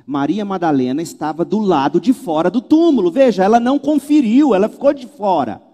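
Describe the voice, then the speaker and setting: A man preaching from a church pulpit, animated, with rhetorical questions and wry asides. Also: high-pitched, a little fast, big-room sound. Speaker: pastor. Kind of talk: sermon.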